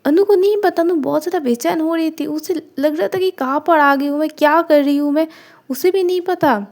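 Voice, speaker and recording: A woman tells a story in a loose, chatty storyteller's way, with a high voice. She often restarts and repeats herself as she goes along. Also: brisk, a little mellow. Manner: conversational, filler "ना", repeats and restarts. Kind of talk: casual spoken story narration.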